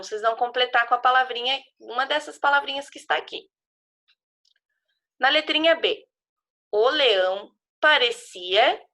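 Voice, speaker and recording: Speaking in a fairly high, bright and forceful voice, a woman teaching remotely explains a worksheet to young children. She has a Brazilian Portuguese accent and works through it patiently, sounding out syllables for the kids.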